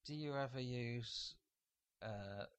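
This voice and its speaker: A man co-hosts a relaxed chat and puts odd questions in a dry, deadpan way. His voice sits at an ordinary pitch for a man. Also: takes it slowly, clear, resonant tone. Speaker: co-host. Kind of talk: casual chat.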